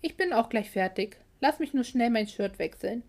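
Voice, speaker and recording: A woman voicing a calm, charming young male mechanic in a storybook reading, with a laid-back, teasing manner. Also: fairly high pitch, normal speed. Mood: relaxed.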